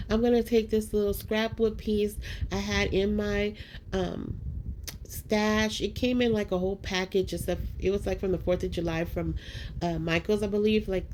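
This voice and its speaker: Mid-range and a little mellow, this woman's congested, nasal voice narrates her craft project for her vlog with a faint hiss or hum underneath. Chatty and self-mocking, she peppers her talk with ums and likes and addresses the audience as guys and y'all.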